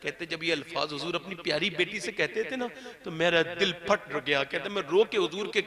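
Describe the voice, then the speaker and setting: A man preaching a sermon to a gathering, impassioned, rising to loud shouts as he addresses the crowd directly. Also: fairly high pitch, fairly quick. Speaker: Islamic preacher.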